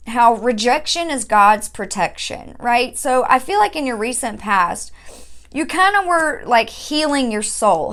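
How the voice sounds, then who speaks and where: A woman giving a casual spiritual tarot reading, chatty and often checking in with her listeners, with slow, drawn-out calls to spirit guides. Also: on the high side, fairly bright tone. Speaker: tarot reader.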